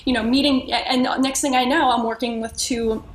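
A woman's voice: fairly high pitch, steady tone, moderate pace. A woman podcast guest talking earnestly and reflectively, searching for words and restarting often. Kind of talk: reflective conversational sharing. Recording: echoey room with faint noise.

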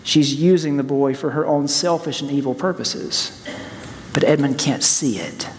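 A man's voice: a little high, normal speed, a little hiss or hum. A man preaching a sermon as pastor, earnest, in a church sanctuary. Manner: earnest, preaching then praying. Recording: church hall reverb, soft music.

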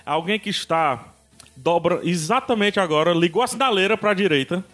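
A man co-hosts a casual podcast from a small studio, his voice sitting a little above the usual male range. He teases the others and throws himself into animated little stories. The delivery stays loose and playful. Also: high-pitched, moderate pace, soft background music. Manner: playful, teasing, animated storytelling. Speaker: podcast co-host.

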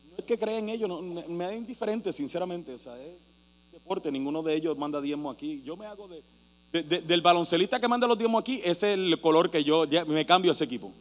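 A man preaching a sermon as pastor, telling a story animatedly and acting out shouting crowds. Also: a little high, animated, fast talker. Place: church hall. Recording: reverberant hall with mains hum.

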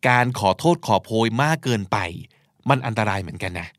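A man's voice: lowish voice, expressive, fairly quick, fairly bright tone, no echo, clean studio sound. A man hosting a podcast, teaching and explaining vocabulary, spelling out words and acting out short examples. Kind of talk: explanatory language lesson talk.

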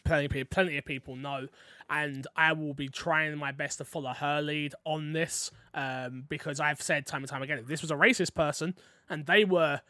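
A man's voice: a little high, fairly even intonation, normal speed, sharp tone, no room sound. A man hosting a podcast, talking casually through gaming news and opinions. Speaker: podcast host.

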